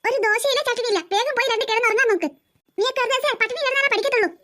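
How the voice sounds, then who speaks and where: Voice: extremely high pitch, rapid-fire, bright, forceful tone. A performer voicing a young cartoon mother who scolds her two daughters in an exasperated, nagging way.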